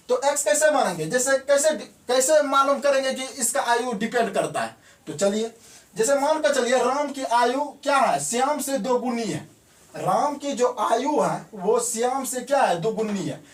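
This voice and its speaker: Far from the mic, a man speaks in a very high voice that echoes around the classroom. During his math lesson he keeps posing questions and answering them himself, and he repeats the key words twice.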